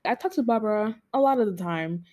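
A woman's voice: mid-range voice, lively intonation, fairly quick, darkish tone. A woman in her early twenties co-hosting a podcast, chatting casually and laughing often. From United States. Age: 20s. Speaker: podcast co-host. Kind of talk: casual chat.

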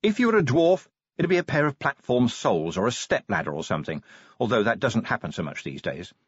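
A man voicing a young woman sergeant who is a werewolf, talking bluntly and briskly in an audiobook reading. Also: mid-range voice, very animated, slightly rough, no echo. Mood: brusque. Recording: dry, slightly dull audiobook recording.

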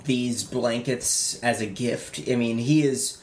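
A man co-hosting an improvised comedy history podcast, talking in a rambling, hesitant way. His voice sits at an ordinary pitch. It rings with a roomy echo. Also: fairly even intonation, slow pace. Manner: rambling, hesitant, slips into mocking put-on voices. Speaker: podcast co-host.

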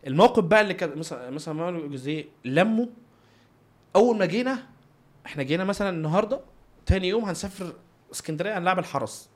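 Speaking in a high, racing voice with lively intonation, a man with an Egyptian Arabic accent shares stories as a footballer being interviewed. His animated telling includes acted-out dialogue and sound effects.

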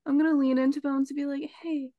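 A woman's voice: high voice, flat delivery, racing, no room sound, muffled recording. A woman playing a tabletop game who talks in a giggly, playful way. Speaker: player. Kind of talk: tabletop role-play banter.

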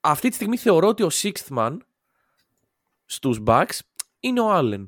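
Guy in a casual chat, voice jumps all over, quick little comebacks, dry sound. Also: a little high, dry recording. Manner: animated, quick interjections. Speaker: podcast co-host.

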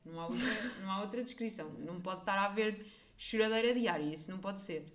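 Young portuguese woman, talks fast and bossy-playful, room echo all over. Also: mid-range voice. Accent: European Portuguese. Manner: emphatic, opinionated, playful. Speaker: podcast co-host. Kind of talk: casual chat. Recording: echoey room.

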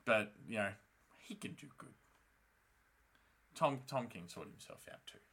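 Bright-voiced man, chatty and full of fillers. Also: lowish voice, a little slow. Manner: full of filler words like "like", "um" and "you know"; animated, slangy and sweary. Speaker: co-host of a fan discussion show. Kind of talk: casual chat recapping a fantasy TV series.

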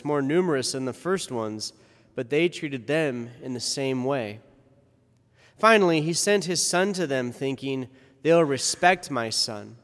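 A male priest reads the gospel and then preaches a casual, conversational homily with asides, heard in a long cathedral-like echo. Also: fairly high pitch. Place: large church. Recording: long reverb of a big church.

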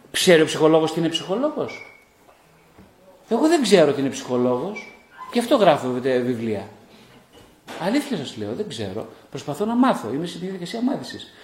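Animated man with echoey sound. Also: a little high. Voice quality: lively, speaks in short repeated phrases with rhetorical questions. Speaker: psychologist and psychotherapist, author. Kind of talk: live talk to an audience. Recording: echoey room.

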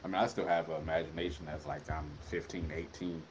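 A man in his twenties co-hosting a casual podcast chat, relaxed and rambling with plenty of fillers. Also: extremely low pitch, a little fast, a little hiss or hum, rough recording. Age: 20s. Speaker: podcast co-host.

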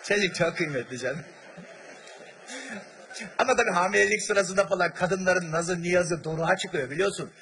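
A man's voice: sits high, normal speed, long pauses, crowd noise. A man from Turkey performing stand-up comedy on a large theater stage, telling stories with acted-out voices and chatting with the audience. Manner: animated storyteller, acts out voices, chats with the audience. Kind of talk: stand-up comedy with crowd work.

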